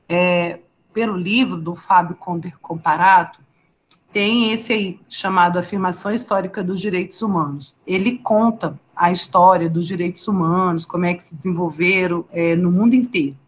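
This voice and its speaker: A Brazilian woman whose voice sits on the low side speaks at a moderate pace while leading a live law class online. Conversational in manner, she puts questions to her students and responds to each one by name as she reads it from the chat.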